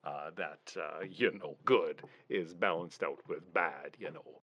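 A man with an extremely low voice hosts a comedy podcast over the phone, speaking slowly with a fairly bright tone. He rambles in a folksy way, full of "you know" and "uh." The phone line sounds dull and dry.

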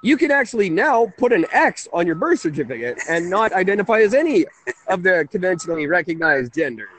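A man's voice: high voice, sing-song, fairly quick, fairly bright tone, slight background noise. A man in his late thirties hosting a casual call-in talk show, rambling and correcting himself as he goes. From Canada. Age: 30s. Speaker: host.

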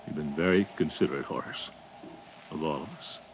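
A big-hearted American uncle in a 1940s radio comedy. His low male voice is earnest and theatrical, on a muffled recording with faint noise. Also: brisk. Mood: subdued, tender. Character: big-hearted, sentimental middle-aged uncle, a household head. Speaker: lead actor in a radio comedy.

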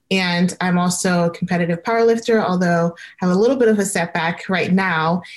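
A young woman from Maryland, a podcast guest who talks about her life in a reflective, thoughtful way. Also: fairly low pitch. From Maryland, United States. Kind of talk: casual interview.

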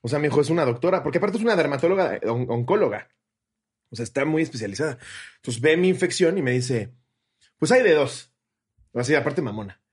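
A man's voice: medium pitch, fast talker, slightly rough. A man in his thirties with a Mexican accent, co-hosting a comedy podcast and telling stories in casual, profane chat, acting out the voices of the people in them. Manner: animated storyteller, swears freely, acts out voices. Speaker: podcast co-host.

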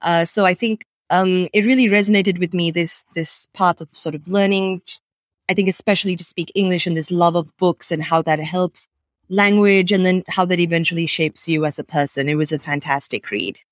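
A woman's voice: fairly low pitch, steady tone, normal speed, dry recording, clean studio sound. A woman from Sri Lanka, a guest author answering interview questions thoughtfully, with many ums.

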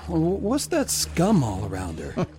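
A man's voice: a little high, wildly swooping pitch, a little slow, dark tone, faint music behind. Mild, genteel ship's physician male actor, formal and drily witty, varied intonation, period maritime audio drama. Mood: genial, curious. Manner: hesitant, politely formal, dry wit. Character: genteel, bookish ship's doctor, mild landlubber.

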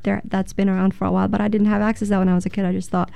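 A woman's voice: mid-range voice, level tone, very fast, gravelly, dark tone, clear, resonant tone, dry recording. A woman from Egypt on a radio talk show, telling reflective stories with many fillers. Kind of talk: casual radio chat.

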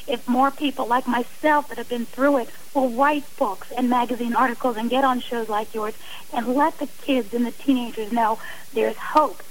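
A middle-aged woman with a fairly high, fairly even voice speaks at a moderate pace as a radio interview guest, advocating against domestic violence. Her answers are earnest and passionate, delivered as long, emphatic appeals. The hissy radio audio sounds rough.

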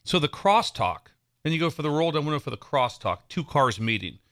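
A man from Nebraska, co-hosting a casual sports podcast, telling stories in an excitable, animated way and laughing often. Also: fairly high pitch, a little fast. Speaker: podcast co-host.

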